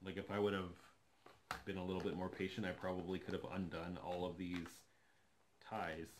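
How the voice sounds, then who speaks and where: Man, 30s, lowish voice, casual and upbeat at-home unboxing chat, webcam sound with faint hiss. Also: little pitch movement, moderate pace. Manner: chatty, enthusiastic, thinking aloud while handling a doll. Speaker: doll collector vlogger. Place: living room, seated on a sofa.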